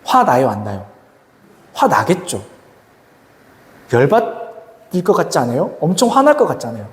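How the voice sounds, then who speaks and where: A man with a slightly high voice, at normal speed, delivers a sermon to teenagers as their youth pastor, staying lively, questioning the audience often and performing the voices he quotes. It is recorded in a church hall with heavy, long-reverb echo.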